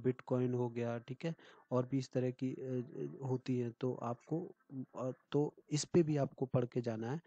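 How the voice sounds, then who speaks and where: A man explains exam topics to students in a casual lecture, pausing often on fillers and checking in with "okay". His voice is mellow and fairly monotone. The recording sounds slightly muffled and lo-fi. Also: medium pitch. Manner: chatty, frequent fillers and "theek hai" check-ins. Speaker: exam coaching tutor.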